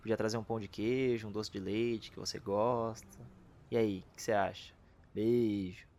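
A man playing a nervous, lovesick detective who rambles excitably and talks to himself in acted comedy-drama dialogue. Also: on the low side, normal speed, close to an everyday voice. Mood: nervous, sweet. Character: nervous lovesick male detective, awkward, self-doubting, eager.

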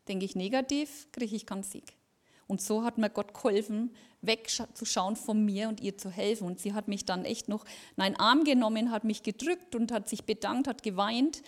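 A woman giving a lively personal testimony at a church service, acting out the dialogue as she tells it. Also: on the high side. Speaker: lay speaker giving a testimony.

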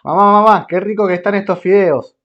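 A man's voice: high-pitched, a little fast, dull audio, pitched above the performer's own voice, lightly acted. A man putting on the voice of a whiny little boy who calls for his mom at dinner. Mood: pleading.

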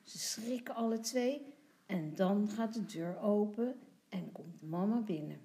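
A woman teacher reading a children's picture book aloud, softly and sometimes in a hush. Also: mid-range voice, unhurried. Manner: soft, hushed at times.

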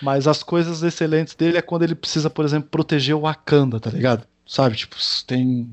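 A man's voice: on the high side, fairly even intonation, a little fast, darkish tone. A man with a Brazilian Portuguese accent, talking casually and animatedly about films and comics, full of slang, restarts and filler tags. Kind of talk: casual chat.

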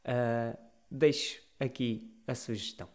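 A man's voice: mid-range voice, fairly even intonation, takes it slowly. A young man with a European Portuguese accent, hosting a casual solo podcast and ranting with exasperation and frequent swearing. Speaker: podcast host.

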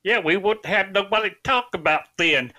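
A man playing a dim-witted, earnest rural brother who talks in a slow, ungrammatical backwoods drawl. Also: sits high, bright, forceful tone.

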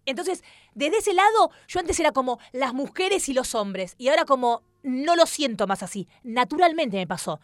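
A woman with a Rioplatense Spanish accent, a comedian telling stories in a casual chat, animated with many fillers. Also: high voice, moderate pace, no echo, studio quality. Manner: animated storytelling with many fillers and acted quotes. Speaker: comedian guest. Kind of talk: casual conversation.

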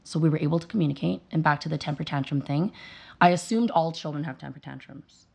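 A woman's voice: sits low, fast, creaky, husky. A woman in her thirties, a mother being interviewed, telling earnest stories and acting out the dialogue. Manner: earnest, animated storytelling with quoted dialogue. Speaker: guest, mother and dental hygienist. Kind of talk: casual interview conversation.

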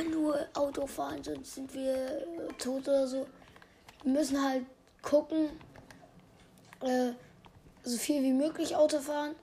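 Teen girl host, hoarse and cracking, high and dark-toned, slangy gaming chatter. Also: a little hiss or hum. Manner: slangy, loud and excitable, drops to whispers. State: strained, cracking voice. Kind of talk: casual gameplay commentary.

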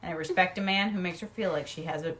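A young woman co-hosting a podcast, gushing excitably in a casual chat about a TV show. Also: on the low side, quick pace. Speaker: podcast co-host.

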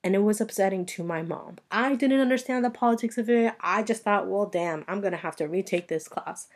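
A woman in her twenties whose native language is Spanish hosts a solo podcast. Her mid-range voice moves fairly quickly as she earnestly shares personal stories and talks straight to her listeners.

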